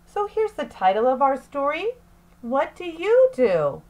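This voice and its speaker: A female teacher reads a picture book aloud to young children, taking it slowly phrase by phrase with plenty of expression. Her voice is high-pitched, and the recording quality is low.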